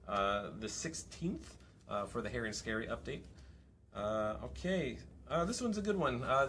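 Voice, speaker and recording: Bright upbeat male stream host. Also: mid-range voice, slight background noise. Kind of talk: reading community questions on a livestream.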